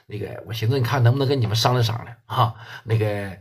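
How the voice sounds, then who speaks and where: A man doing a low-voiced, pleading nightclub manager. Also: fast, husky. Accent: Northeastern Mandarin. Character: apologetic male nightclub manager, anxious.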